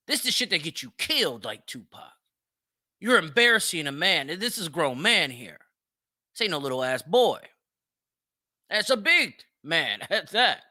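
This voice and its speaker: An American podcast host with a high, very forceful voice delivers opinionated solo commentary on celebrity news, his pitch swinging widely as he talks. He's blunt, slangy and profane, relying on repetition and rhetorical questions.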